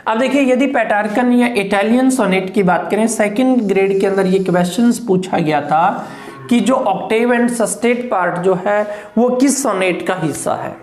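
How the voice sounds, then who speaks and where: Woman tutor, measured slow lecture delivery, explanatory, checks "clear?" often; echoey room sound. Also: mid-range voice, darkish tone, soft background music. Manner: explanatory, asks "clear?" often, counts syllables aloud. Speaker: English teacher. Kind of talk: exam-prep lecture in Hindi with English terms.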